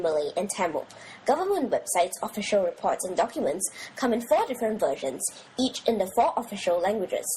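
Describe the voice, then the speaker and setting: A Singaporean-accented woman narrates a scripted guide, reading aloud with a lively, varied pitch. Her voice sits at an ordinary height. There is audible background noise on the recording. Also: low-quality recording. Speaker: narrator of an explainer video.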